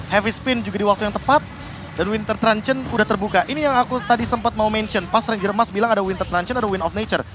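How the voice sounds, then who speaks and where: A man's voice: high-pitched, quick pace, over music. An Indonesian-accented man giving analytical commentary on an esports match as a caster.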